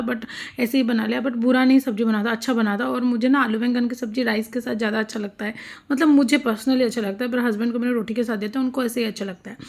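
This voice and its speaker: Woman in her thirties, home vlog voice-over, chatty, amused, fillers, slightly high voice. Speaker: vlogger; mother and homemaker. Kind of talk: casual vlog voice-over narration.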